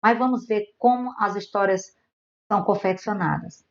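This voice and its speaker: A woman's voice: mid-range voice, moderate pace. A woman teacher with a Brazilian Portuguese accent, giving a patient, methodical online lesson and going through words one by one. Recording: dull lo-fi recording.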